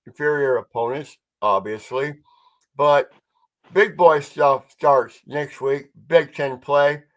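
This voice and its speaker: A man's voice: a little high, slow. A man co-hosting a casual sports podcast, talking with mumbled articulation as if he had marbles in his mouth.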